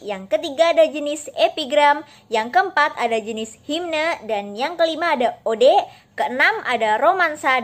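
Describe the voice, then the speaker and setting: High-voiced woman teaching a lesson. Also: fairly bright tone. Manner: explains step by step, asks the class questions. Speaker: student teacher presenting a lesson. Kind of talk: recorded classroom lesson.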